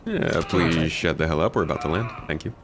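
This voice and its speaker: A man's voice: very deep voice, lively intonation, a little fast, music in the background. A man putting on an airline pilot's voice, making mock-formal cockpit announcements while chatting during a game. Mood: mock-stern. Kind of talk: joking pilot voice during casual game chat.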